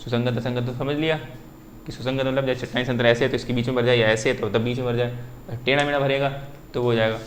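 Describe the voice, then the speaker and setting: A man's voice: medium pitch, fairly even intonation, fast, a little hiss or hum. Man teaching, asks and answers himself. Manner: repetitive, asks and answers his own questions. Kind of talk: explaining at a whiteboard.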